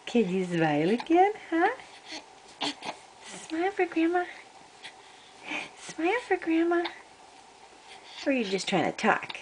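Older woman, babysitting grandmother; unhurried, repetitive sing-song baby talk, recorded on a hissy home camcorder. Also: high voice, big pitch swings. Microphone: camcorder mic. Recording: noisy home camcorder audio.

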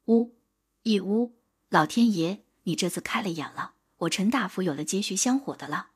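A woman voicing a sly, coaxing middle-aged village man who talks slowly and wheedlingly, in an audiobook. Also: medium pitch, animated, slightly rough. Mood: overjoyed.

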